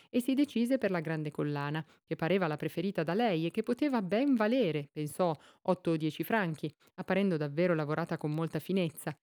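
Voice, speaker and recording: A woman narrating a classic short story in a steady, measured reading. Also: fairly low pitch, dry recording, clean studio sound. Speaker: reader.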